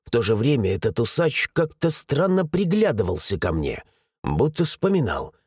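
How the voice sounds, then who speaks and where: A man reads a first-person audiobook with animated, dramatic delivery. His voice is husky and swings widely in pitch. The sound is dry and close. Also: normal speed, no echo. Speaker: audiobook narrator.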